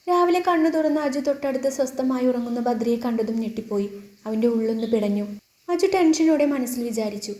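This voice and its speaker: Woman narrating a family drama, echoey. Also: fairly high pitch. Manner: reads every character's lines in her own voice with gentle emotional shading. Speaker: storyteller. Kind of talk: scripted narration of a serial family story.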